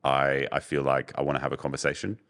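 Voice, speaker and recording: A young adult man with a very deep voice, telling candid stories in a casual podcast interview as a guest. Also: fast talker. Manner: relaxed, candid storytelling with many fillers. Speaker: guest, voice-over artist and agency owner.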